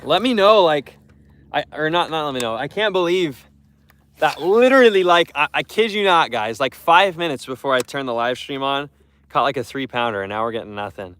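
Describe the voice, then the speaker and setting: A man's voice: fairly high pitch, expressive, moderate pace, fairly bright tone. Young man live streaming while fishing. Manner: rambling, repeats words, talks to chat. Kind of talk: casual live stream chat. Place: on a boat on a lake outdoors.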